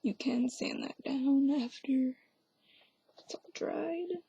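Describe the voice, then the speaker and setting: A woman's voice: sits high, takes it slowly, creaky, mellow, dry recording, muffled recording. A young woman whispering through a hands-on craft tutorial at home, with offhand, self-mocking asides. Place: at home, quiet indoors.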